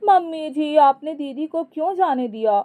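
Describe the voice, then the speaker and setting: A woman's voice: sits high, animated, a little slow, phone-quality sound, pitched above the performer's own voice. A woman voicing a sly young daughter-in-law who needles sweetly. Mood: tattling.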